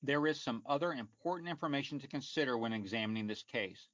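A man hosting and narrating a true crime story from a script in a measured, formal, matter-of-fact way. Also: medium pitch, lively intonation, a bit bright, no room sound, lo-fi sound. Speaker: podcast host and narrator.

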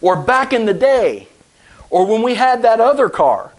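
Slow high-voiced man preaching. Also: big pitch swings, rough recording. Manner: conversational, asks the congregation rhetorical questions. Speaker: pastor. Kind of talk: sermon.

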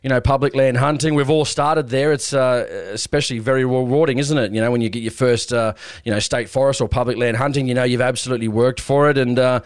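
Australian man, blokey, casual podcast host, plain-spoken, medium pitch, dry recording. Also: fairly even intonation, quick pace, few pauses, clean tone, no room sound. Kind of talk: casual hunting podcast talk.

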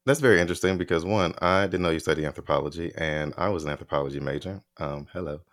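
Deep-voiced enthusiastic male podcast host. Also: fast, fairly bright tone, no echo. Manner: enthusiastic, filler-heavy. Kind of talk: casual interview chat.

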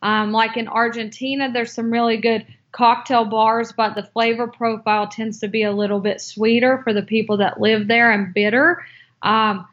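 Interviewed about cocktails and the book she authored, a female guest responds haltingly, full of fillers and false starts. She sounds on the high side and fairly bright, keeping a level tone at normal speed, captured on dull lo-fi audio.

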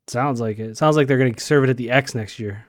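A man's voice: mid-range voice, quick pace, no room sound. Blunt opinionated man on a podcast. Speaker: podcast co-host. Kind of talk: casual sports podcast chat. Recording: dry close mic.

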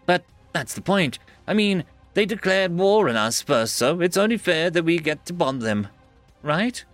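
An excitable young woman inventor, as a male storyteller puts her on, shrill and whiny, her lively voice swinging high. The recording is dry and close, with faint music behind her. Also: a little slow, dry recording, exaggerated voice. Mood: petulant.

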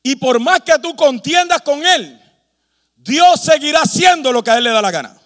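A male pastor with a very high voice delivers a sermon with strong emphasis and rhetorical questions. He breaks in with humorous asides. His voice rings through a large church hall with a long reverb. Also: lively intonation, moderate pace, a bit bright.

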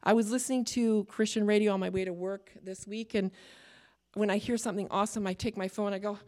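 A middle-aged woman from Canada with a Canadian accent, a chaplain giving a sermon in a conversational way with warm asides and light laughter. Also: medium pitch, steady tone, fast talker. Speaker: chaplain and preacher.

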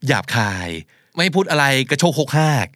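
A male English teacher from Thailand explains vocabulary in a chatty, expressive way. His voice rises and falls a lot. The sound is dry and close. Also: fairly high pitch, moderate pace, dry recording. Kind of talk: casual explanatory lesson.

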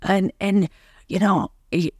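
A woman's voice: mid-range voice, steady tone, takes it slowly, darkish tone, no echo, studio quality. A woman guest on a podcast, telling her recovery story earnestly and reflectively, often repeating words and saying "you know". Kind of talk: candid recovery interview.

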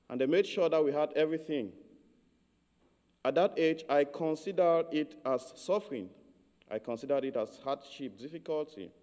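A man from Cameroon giving a measured, earnest homily as a priest. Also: medium pitch, dark tone, long reverb tail.

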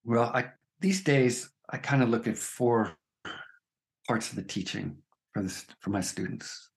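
A man's voice: mid-range voice, a little slow, creaky. A man speaking as a spiritual teacher in an interview, earnest and emphatic, often checking in with "right?". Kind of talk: reflective conversation.

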